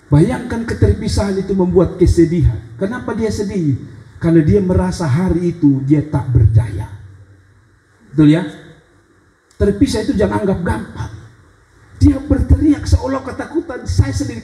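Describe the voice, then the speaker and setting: A male pastor preaching a sermon in a lively, animated style, with wide swings in his delivery. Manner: animated preaching with big pitch swings and acted child cries. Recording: echoey church hall.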